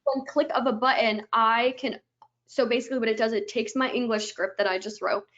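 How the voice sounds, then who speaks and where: Upbeat woman walking through software, lo-fi. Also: fairly high pitch, steady tone, a little fast. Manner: eager explaining, strings steps together with "and then". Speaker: guest presenting her software product. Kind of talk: webinar product walkthrough.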